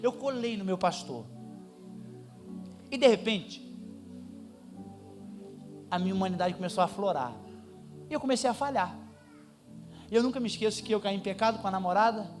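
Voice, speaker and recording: A pastor delivers a sermon testimony in a high, lively voice. He tells the story with comic timing and animated energy. Faint music sits under his voice in the church. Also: normal speed, pauses often.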